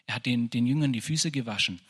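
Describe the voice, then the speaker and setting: A man's voice: mid-range voice, fast, fairly bright tone, husky. A man giving an informal sermon in a chatty style, often asking "you know?" and restarting his sentences. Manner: conversational, repeats "weißt du", restarts often. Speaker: preacher.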